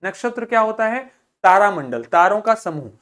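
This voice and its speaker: A woman teaching a vocabulary lesson to students, explaining terms, asking check questions and repeating each word slowly for pronunciation practice. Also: medium pitch, very animated. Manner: drills pronunciation by slow repetition; asks rhetorical check questions.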